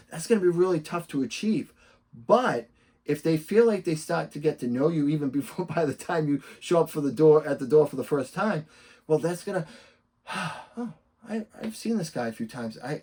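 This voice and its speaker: A man with a Boston accent delivers a sales lesson to camera. His voice sits slightly high, and he talks emphatically, slipping into bright, upbeat sample messages as he teaches. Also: slightly rough. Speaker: real estate coach. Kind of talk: instructional talk to camera.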